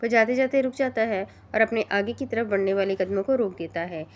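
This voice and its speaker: A woman hosting her channel and reading a romance novel aloud in a steady storytelling manner. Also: a little high. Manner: steady storytelling with small restarts. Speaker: audiobook narrator.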